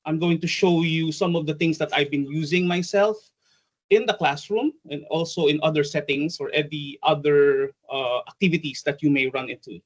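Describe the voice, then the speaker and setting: This trainer from the Philippines, likely in his forties, presents at an online conference workshop, chatting hesitantly with many ums and uhs in a Filipino accent. His voice is on the high side, with fairly even intonation at normal speed.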